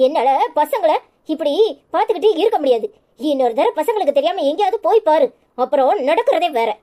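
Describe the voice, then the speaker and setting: A woman voicing a sharp-tongued woman in a cartoon who scolds firmly, with a Tirunelveli Tamil accent. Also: high voice, animated, a little fast. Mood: scolding.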